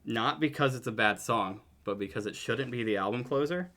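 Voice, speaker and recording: A man's voice: mid-range voice, moderate pace, sharp tone. A man in his twenties, a podcast co-host, explaining his take at length in loose, rambling casual chat.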